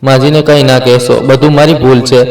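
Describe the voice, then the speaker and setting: A man's voice: mid-range voice, flat delivery, brisk, a little mellow, natural voice. A man voicing a frail, frightened young wife who speaks in a pleading, fearful way, in a storybook reading. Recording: roomy echo, distant from mic.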